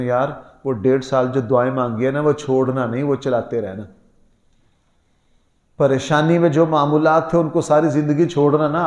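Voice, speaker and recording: A man's voice: mid-range voice, a little mellow, reverberant. A male Islamic scholar with a Pakistani Urdu accent gives a sermon-style Quran lesson, earnest and storytelling, with rising emphatic peaks.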